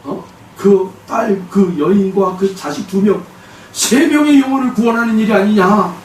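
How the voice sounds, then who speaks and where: A man's voice: high-pitched, steady tone, slow pace, a little mellow, far from the mic, a little hiss or hum, voice pushed up. A man voicing God speaking to a praying believer, in a sermon recorded in an echoey church hall. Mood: imploring.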